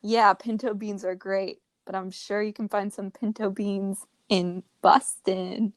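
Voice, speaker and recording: A woman's voice: mid-range voice, level tone, unhurried, no echo. A young woman co-hosting a casual podcast, playful and jokey, laughing often. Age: young adult. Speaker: podcast co-host. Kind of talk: casual chat.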